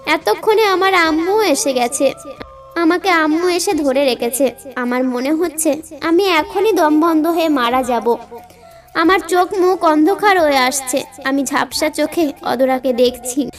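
A woman tells a dramatic first-person story with a high voice. Her delivery gets emotional, and in the dialogue she climbs high and loud. Soft music plays behind her. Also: unhurried.

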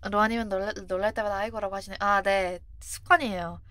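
In a steady, medium-pitched, slightly bright voice, a woman streamer, a native Korean speaker, races through casual gameplay chatter. She thinks aloud as she plays, murmuring numbers and checks under her breath.

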